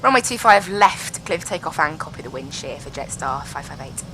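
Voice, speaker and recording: A flight sim pilot and streamer with a low-pitched, expressive voice, bright and forceful, talks briskly into her pilot headset while flying a simulated airliner. She chats casually, explains each step, and repeats "I have to be honest," over poor audio with slight background noise.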